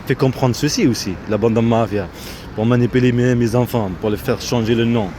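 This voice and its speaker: Speaking steadily and a little fast in a medium-pitched voice, a man rambles outdoors with no script, looping back over broken phrases as his thoughts drift. Vehicles pass on a nearby road, and the recording is loud with street traffic.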